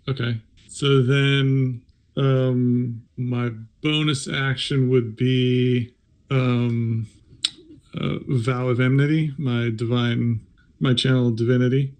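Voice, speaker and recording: A man's voice: medium pitch, flat delivery, slow pace, a little mellow, clean tone. A man playing in a tabletop game, hesitant and thinking aloud about his moves. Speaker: player. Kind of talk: casual tabletop game play.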